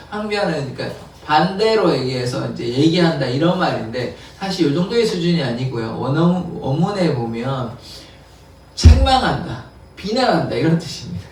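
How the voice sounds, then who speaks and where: A man's voice: a little high, darkish tone, slight background noise. Korean man preaching in an echoey church. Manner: explains scripture plainly, acts out quotes with a laugh. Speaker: pastor. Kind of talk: dawn prayer sermon. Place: church sanctuary. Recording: echoey, distant church recording.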